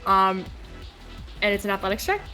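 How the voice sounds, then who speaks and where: A woman's voice: mid-range voice, very animated, moderate pace, bright, forceful tone, rough recording. A woman chatting casually as a player in a tabletop role-playing game. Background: background music.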